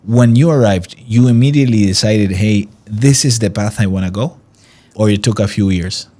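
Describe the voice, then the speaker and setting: A man's voice: on the low side, normal speed, mellow. A man hosting an interview, encouraging and conversational, often rephrasing his questions. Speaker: interviewer, host.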